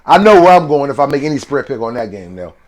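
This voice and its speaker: A man hosting a casual sports betting picks monologue, excitable and slangy, with sudden exclamations. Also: mid-range voice, fast.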